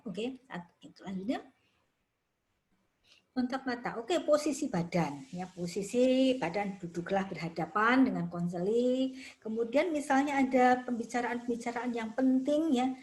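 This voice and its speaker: A woman's voice: medium pitch, a little hiss or hum. A woman from Indonesia teaching a counseling workshop, explaining step by step and tagging her sentences with "ya". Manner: warm explanatory, frequent "ya" tags. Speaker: counseling trainer.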